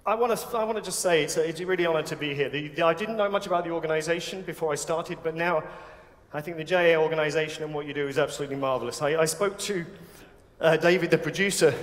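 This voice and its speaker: An Englishman hosts an awards gala, joking, poking fun at himself, and chatting away in a comic stage style. His voice is slightly high and quick. The event takes place in a large banquet hall full of people, and the recording carries a long hall reverb.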